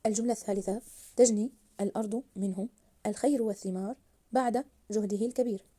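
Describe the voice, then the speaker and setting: A woman teaches young children a grammar lesson, slowly stretching out words to model them and praising her pupils. Her voice is medium-pitched and warm, with fairly even intonation.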